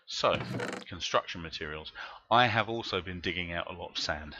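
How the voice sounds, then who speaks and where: A man's voice: deep voice, normal speed, muffled recording, noisy background. A man giving live commentary while he plays a game, rambling and thinking aloud as he builds. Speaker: game streamer.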